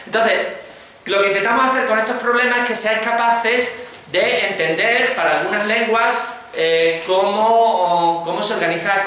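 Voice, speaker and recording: A man's voice: high voice, bright, forceful tone. A man with an Andalusian Spanish accent teaching phonology in a classroom, explaining and often asking the students whether they follow. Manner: explanatory, checks understanding with frequent questions. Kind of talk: classroom lecture. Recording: echoey classroom with faint noise.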